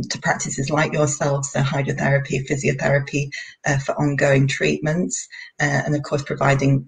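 A woman's voice: low voice, creaky, husky. A woman in her thirties, raised in Bahrain, works as a vet and explains her work earnestly over a video call, often repeating words as she thinks. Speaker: veterinarian guest. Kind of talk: explanatory interview talk. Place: indoor room at home.

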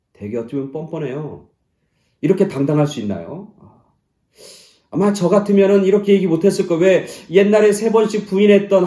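A male pastor delivers a sermon in a warm, mellow voice. He swings from loud, high exclamations down to soft, near-whispered lines. The sound carries the echo of a church room. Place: church sanctuary.

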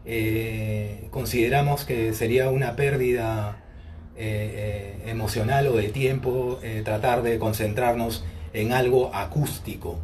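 A Peruvian man in his forties, speaking with a Peruvian Spanish accent, chats with fans outdoors in bright sun near a glass building, answering their questions on a phone held at arm's length with wireless earbuds. He is relaxed and unhurried, often pausing on a hesitant "eh," and his low-leaning voice carries a slight hiss or hum.

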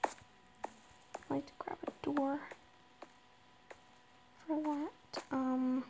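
Playing a Minecraft roleplay, a woman casually narrates her game and talks to herself as she builds. Her high voice has a raspy, gravelly edge and a flat delivery, slow and hesitant with lots of ums and little pauses. A clear layer of background noise runs through the recording.

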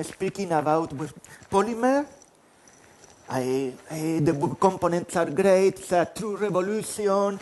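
This conference speaker, a man from Spain in his forties with a Spanish accent, has a high, slightly mellow voice, and there's a little background noise. Talking from a big conference hall stage, he pokes fun at himself and restarts his phrases.

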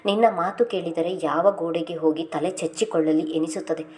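A woman's voice: fairly low pitch, steady tone, moderate pace, darkish tone, close to an everyday voice. A woman voicing an exasperated young husband who pleads with and scolds his wife.

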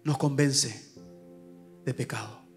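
A male pastor with a Paraguayan Spanish accent preaches at a church service, swinging between loud, urgent calls and hushed asides. His mid-range voice moves slowly, with soft music in the background.

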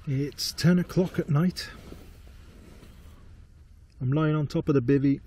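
Relaxed man vlogging outdoors. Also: unhurried, slightly rough. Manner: relaxed, low-key, talking to camera. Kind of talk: casual solo camping vlog. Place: tarp shelter in a field at night, then walking outdoors. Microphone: handheld camera close up.

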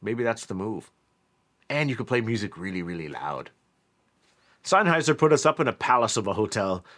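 A man from Canada narrating a casual vlog about a factory trip in a relaxed, chatty way with lots of fillers. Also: on the low side, moderate pace. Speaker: vlogger, headphone reviewer.

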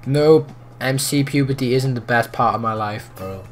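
A man's voice: medium pitch, moderate pace, soft background music. A teenage boy streaming a racing game and chatting with viewers, his breaking voice cracking as he goes. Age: teens. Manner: excitable, chatty, prone to voice cracks. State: voice breaking with puberty. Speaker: gaming streamer. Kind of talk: live gameplay commentary.

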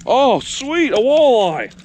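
A man's voice: extremely high pitch, very animated, slow pace, darkish tone. A young man fishing from a kayak on a lake, chatting casually and exclaiming over each catch. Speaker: fishing vlogger. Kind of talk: casual outdoor chat while fishing. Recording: noisy outdoor camera audio. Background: rain and water noise.

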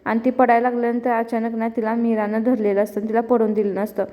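A woman casually retelling a serial episode in a lively storytelling manner, recorded in an echoey room. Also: a little high, quick pace. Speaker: serial recap narrator.

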